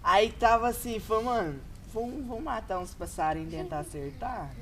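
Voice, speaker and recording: A man's voice: sits high, fairly quick. Slangy guy. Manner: relaxed slangy chat. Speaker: storyteller in a group. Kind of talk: casual storytelling around a campfire. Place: outdoors by a campfire with friends. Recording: crowd of friends nearby.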